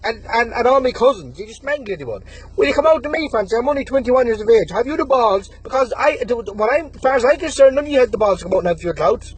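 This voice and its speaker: In a rough recording, a man in his twenties with an Irish accent rants angrily at the camera, threatening and taunting a rival while repeating his name again and again. His very high-pitched voice is expressive, fast and slightly rough.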